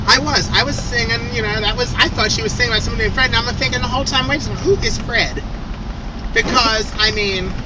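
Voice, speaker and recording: A man's voice: sits high, dull audio, very noisy. Rambling man chatting in a car. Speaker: video journal vlogger. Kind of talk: casual rambling chat to camera. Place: inside a moving car.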